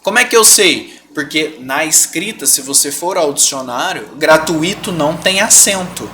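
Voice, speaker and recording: A Brazilian man teaches a live online grammar class, stretching out example words and constantly checking that his students follow. His voice is high and bright, and his pitch swings widely as he explains. A faint hiss of room noise sits behind him. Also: expressive, moderate pace. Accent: Brazilian Portuguese. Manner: explains step by step, keeps checking in with "tá bom?".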